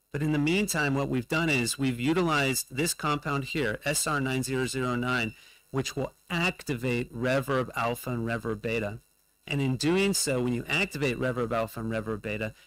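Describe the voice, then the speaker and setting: A man presenting a scientific lecture at a conference, measured and pausing often with fillers, his voice going hoarse. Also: mid-range voice, a bit bright, no room sound, poor audio. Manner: measured, with frequent fillers and pauses. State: losing his voice. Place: conference hall.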